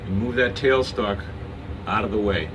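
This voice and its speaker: A man with a voice on the low side talks at a moderate pace as he informally demonstrates a task step by step. He's a machine shop instructor, recorded from a distant mic amid the shop's noisy hum.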